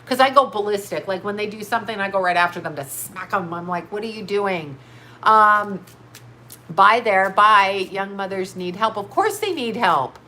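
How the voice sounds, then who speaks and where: Doing a live tarot reading and chatting casually with her viewers, a stuffy-nosed middle-aged woman speaks in an expressive, sharp, mid-range voice at a moderate pace. Slight background noise is present, and she comes across as blunt, scattered, profane and quick to laugh.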